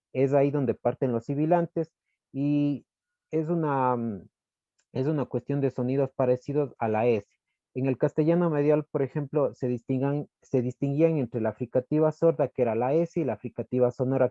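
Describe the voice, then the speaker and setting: A man's voice: mid-range voice, warm tone, no echo. Hesitant man presenting slides, muffled audio. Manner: hesitant, pausing to search for words. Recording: dull lo-fi dry recording.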